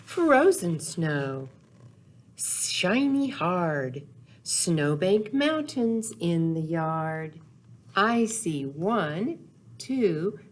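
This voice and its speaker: A children's library storytime host speaks in a fairly low, darkish-toned voice. She reads aloud to young children and talks to them in simple, sing-song phrases, mixing in songs and questions.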